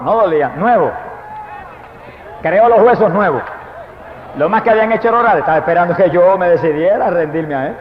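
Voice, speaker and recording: A man's voice: high voice, slight background noise. Fervent preacher man in an echoey hall. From Puerto Rico. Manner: fervent, swings from hushed to loud proclaiming. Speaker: evangelist preacher. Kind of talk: sermon testimony. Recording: echoey hall, dull lo-fi archive recording.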